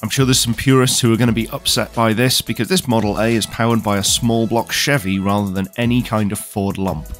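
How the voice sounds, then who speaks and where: A man's voice: lowish voice, steady tone, a little fast, hardly any pauses. A man giving a scripted voice-over about cars at a show, enthusiastic and knowledgeable. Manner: enthusiastic, knowledgeable car commentary. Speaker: car show presenter. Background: faint background music.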